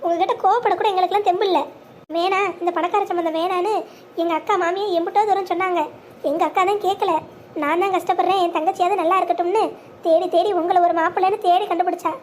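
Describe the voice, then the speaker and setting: A woman's voice: very high voice, fairly even intonation, fast talker, darkish tone, slight background noise. A woman voicing a proud, heartbroken young bride in a cartoon, bitter and resolute.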